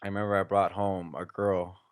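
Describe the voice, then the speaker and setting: A man's voice: sits low, level tone, fairly quick, smooth. A young man co-hosting a casual chat, rambling through his points and repeating words as he goes. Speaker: podcast co-host.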